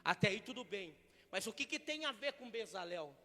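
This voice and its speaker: A Brazilian man preaching a fiery sermon, jumping between loud shouts and hushed, joking asides. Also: high voice, big pitch swings, normal speed. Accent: Brazilian Portuguese. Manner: swings from shouting to hushed asides, jokey impressions. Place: church hall. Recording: large church hall reverb.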